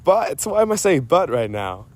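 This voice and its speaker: A man's slightly high, sing-song voice comes through at a moderate pace, a little mellow. Addressing a friend in a personal voice memo, he rambles casually, pokes fun at himself, and keeps interrupting and sidetracking himself.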